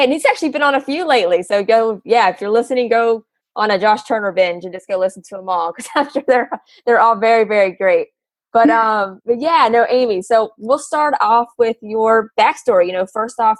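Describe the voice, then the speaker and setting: A woman's voice: on the high side, moderate pace, no room sound. A woman hosting a podcast interview, chatty and casual, with frequent fillers and repeated words. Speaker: podcast host.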